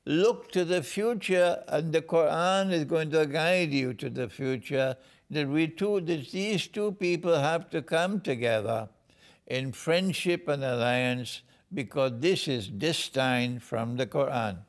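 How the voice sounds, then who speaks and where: A man from Trinidad answers interview questions in a slow, deliberate way. His voice sits fairly high for a man, and he builds his points through preacher-like repetition. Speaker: guest speaker.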